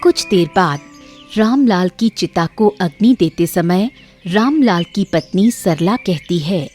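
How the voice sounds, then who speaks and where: A woman giving scripted storybook narration for an animated moral tale, in a steady, even storytelling manner. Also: lowish voice, slow pace, soft background music.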